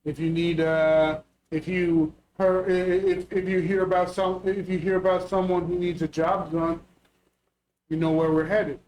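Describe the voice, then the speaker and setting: A man's voice: high voice, flat delivery, moderate pace, darkish tone, low-quality recording. A man playing a tabletop game, speaking casually in character with terse, repeated phrases. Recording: faint background noise.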